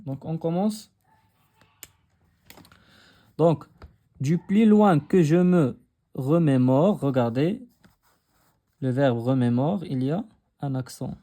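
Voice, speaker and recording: A man's voice: mid-range voice, dark tone. A young Moroccan man teaching a lesson in a patient way, repeating his phrases and switching between French and Arabic. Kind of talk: explaining a textbook lesson.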